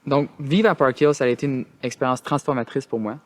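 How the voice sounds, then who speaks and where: A young adult man from northern Ontario speaks with a Canadian French accent and a mid-range voice. He gives an earnest personal testimonial as a student resident, hesitating often with "euh" fillers and restarting his phrases.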